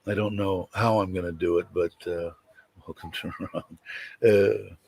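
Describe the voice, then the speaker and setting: A man with a deep, rumbling voice hosting a casual livestream, rambling and hesitant as he chats. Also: fairly even intonation, unhurried, vocal fry, darkish tone, slightly rough, no echo. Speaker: host of a livestream show.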